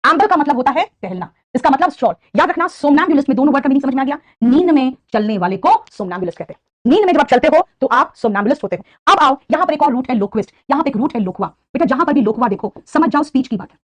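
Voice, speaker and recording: A woman's voice: sits high, animated, fast talker, hardly any pauses, dry recording. A woman with an Indian English accent teaching vocabulary in an online class, quizzing students and praising them by name. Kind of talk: online live class, Hindi mixed with English.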